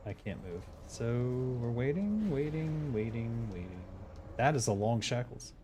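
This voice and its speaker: A man's voice: medium pitch, lively intonation, a little slow, noisy background. Man streaming on a headset mic. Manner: mutters to himself while playing, then speeds up to argue a point. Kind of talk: casual gameplay livestream chat.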